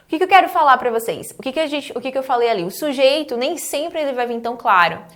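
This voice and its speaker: A Brazilian woman with a fairly high voice leads an online English lesson in Portuguese. She spells out each example phrase slowly, has students repeat it, and checks in with short "right?" tags. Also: expressive, a bit bright. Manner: models English phrases slowly, then prompts repetition; encouraging, checks understanding with "tá?" and "certo?". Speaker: English teacher.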